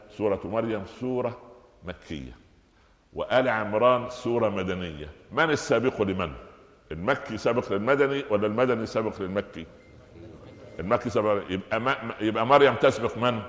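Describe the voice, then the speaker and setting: A man with an Egyptian accent speaks in a fairly low voice, teaching a lively Quran commentary lesson. He keeps asking his listeners questions and answering them himself. His voice echoes around a large hall with a long reverb. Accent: Egyptian Arabic. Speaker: preacher giving Quran commentary. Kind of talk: lively colloquial religious lesson.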